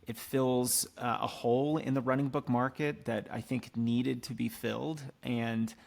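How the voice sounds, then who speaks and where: Gravelly man hosting a podcast. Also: mid-range voice, steady tone, a little slow, darkish tone. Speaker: podcast host. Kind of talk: casual interview.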